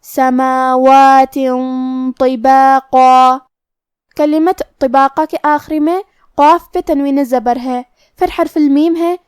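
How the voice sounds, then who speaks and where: High-pitched female tajweed teacher, dry studio sound, patient and methodical. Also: darkish tone, no echo. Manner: methodical, drawn-out chanted recitation of words. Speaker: Quran recitation teacher. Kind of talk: explaining tajweed rules with slow demonstrations.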